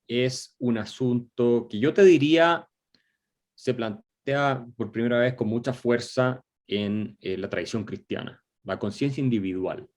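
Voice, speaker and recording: Male guest, average pitch, professorial, peppers speech with fillers. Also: darkish tone. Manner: lecturing, many filler "eh" and tag questions. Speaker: guest commentator. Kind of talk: political discussion.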